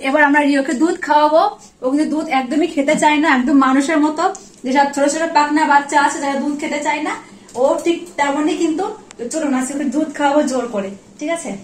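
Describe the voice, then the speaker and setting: A woman's voice: high-pitched, slight background noise. A woman vlogging at home, coaxing her pet dog with repeated short words. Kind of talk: casual home vlog, talking to a pet dog. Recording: echoey room.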